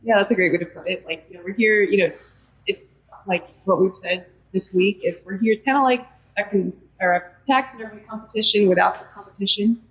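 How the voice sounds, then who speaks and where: A woman's voice: medium pitch, brisk. A woman co-hosting a podcast, chatting casually at a roundtable and filling her sentences with "like" and "you know.". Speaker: podcast co-host. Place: group class in Texas, indoors. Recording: echoey room with faint noise.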